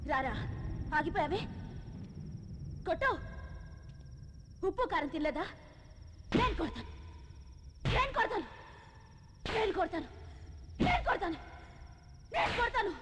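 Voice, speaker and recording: A shrill, unhinged young lover. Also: female voice, very animated, a little slow, long pauses, in a large hall, noisy background, exaggerated voice. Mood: taunting. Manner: taunting, shrill, erratic. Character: obsessive, volatile young woman in love. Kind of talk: dubbed film drama. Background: film score.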